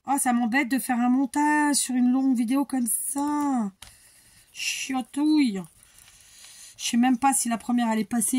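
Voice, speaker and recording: A woman's voice: fairly high pitch, darkish tone. A woman hosting a crafting tutorial, chatting casually and thinking aloud, muttering to herself as she works.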